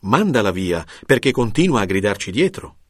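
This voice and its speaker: Man reading puzzled male disciples asking questions, low voice, dry close sound. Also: very animated, normal speed, husky, no room sound. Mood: questioning. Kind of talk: scripture reading.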